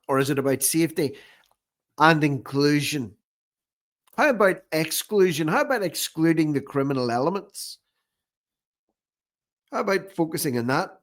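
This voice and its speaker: With a fairly high-pitched, slightly bright voice, an Irish online commentator hosts informal political talk. He sounds sarcastic and scornful, and he keeps repeating phrases to drive his points home.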